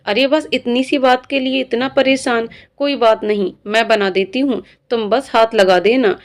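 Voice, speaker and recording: A woman's voice: fairly high pitch, steady tone, moderate pace, close to an everyday voice. A woman reading the part of a firm but loving older mother of the household in a spoken story. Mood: gentle.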